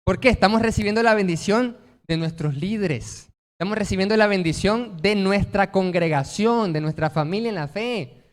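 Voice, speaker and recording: A pastor delivers a sermon to his congregation. His voice sits high for a man, and he leans hard on key words. He keeps asking the room questions and answering them himself. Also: normal speed, big-room sound. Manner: emphatic, asks rhetorical questions and answers them.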